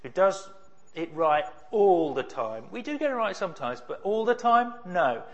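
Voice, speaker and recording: A man delivering a sermon with a fairly high voice. He talks conversationally, tosses out rhetorical questions and dry asides. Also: very animated, normal speed, fairly bright tone, highs cut off. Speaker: pastor.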